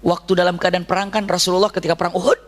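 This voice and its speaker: A man preaching a storytelling sermon in an animated way, often putting questions to his listeners. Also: high-pitched, very fast. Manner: animated, asks the audience questions.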